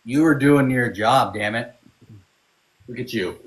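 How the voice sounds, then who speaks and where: Male co-host, mid-pitched, relaxed and candid, conversational. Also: a little slow, rough recording. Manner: laid-back, candid, leans on "you know what I mean". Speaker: podcast co-host. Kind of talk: casual chat.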